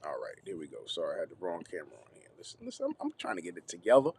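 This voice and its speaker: A man hosting a live teaching stream on content creation, lively, repeating himself and checking in with viewers. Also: deep voice, racing, gravelly, slight background noise. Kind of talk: YouTube live teaching session.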